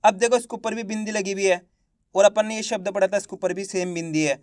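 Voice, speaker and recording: A man teaching Hindi reading in an online lesson, repeatedly asking a question and answering it himself, enunciating syllables slowly and carefully. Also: high-pitched, steady tone, darkish tone, dry recording, studio quality. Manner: repetitive call-and-response teaching, asks and answers himself; addresses viewers as friends, slow careful enunciation.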